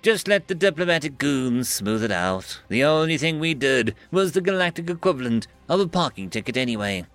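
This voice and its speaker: A man doing a weary, deadpan ship officer. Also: medium pitch, fairly quick, hardly any pauses, faint music behind. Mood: dismissive. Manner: dry, exasperated, deadpan.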